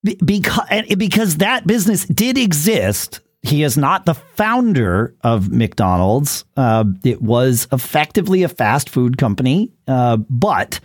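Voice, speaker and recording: A man co-hosting a casual business podcast, talking in an animated way, often restarting and checking in with "right?". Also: on the high side, unhurried, few pauses, no room sound, studio quality. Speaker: podcast co-host.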